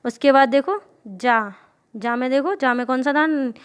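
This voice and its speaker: Explaining Hindi grammar at a measured pace, a young woman speaks in a clean, high-pitched voice. She goes over examples repeatedly and frequently quizzes the class to check their understanding.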